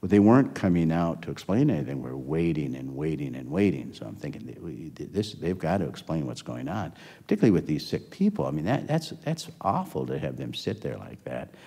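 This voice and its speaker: An older man tells stories about his career in an oral history interview, rambling along with many restarts. His very deep voice is brisk, creaky, mellow and husky, with big swings in pitch. The recording carries a long hall reverb.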